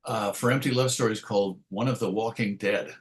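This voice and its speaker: A middle-aged comics writer and editor, guesting on a casual interview, spins anecdotes in a chatty, wry storytelling style. His voice sits on the low side, with a steady tone and a slightly fast pace.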